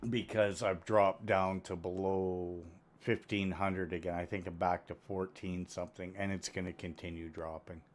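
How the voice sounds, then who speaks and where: A man missing his two front teeth, chatting casually and matter-of-factly in a rambling way as he live-streams a video game. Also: deep voice. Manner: rambling, unhurried, matter-of-fact. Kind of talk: casual live-stream chat while gaming. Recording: steady background noise.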